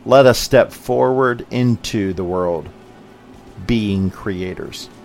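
Male podcast host, slow deliberate read, somewhat low voice, emphatic motivational monologue. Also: vocal fry, darkish tone, soft background music. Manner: measured, emphatic contrasts.

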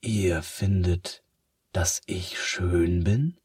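A man voicing a sad, weary sun that talks slowly and sighs, in a children's storybook. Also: low-pitched, a little mellow, breathy edge, no room sound, clean studio sound, exaggerated voice. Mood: downcast, slow. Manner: slow, sighing, downcast.

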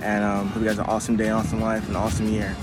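A man's voice: fairly low pitch, monotone, very fast, over loud music. A man from the United States hosting his podcast as a phone video, recorded outdoors on wireless earbuds. He talks in a casual, upbeat and encouraging way, rambling with many fillers. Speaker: podcast host. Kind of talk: casual motivational vlog talk. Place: outdoors near traffic and a train line. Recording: phone video outdoors with clear traffic noise. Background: street and car noise.

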